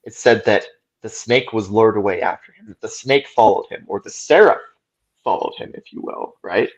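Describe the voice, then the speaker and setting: A man's voice: on the low side, normal speed, lo-fi sound. A man on a podcast talking through ideas at length in casual discussion, often checking in with "right?". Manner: thoughtful, explains at length with frequent "right?". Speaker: podcast co-host.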